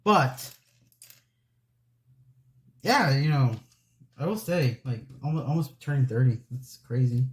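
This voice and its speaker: Putting together a model set, a late-twenties Lego vlogger rambles and laughs at his own expense, his breaths audible in soft, close-mic talk. His medium-pitched voice is animated, though slow and full of long pauses.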